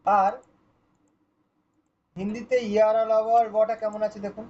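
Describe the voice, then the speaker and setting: A man's voice: high-pitched, little pitch movement, moderate pace, darkish tone, muffled recording. A man teaching pronunciation for scripture recitation, patiently demonstrating and repeating each sound for his students. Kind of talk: online pronunciation lesson.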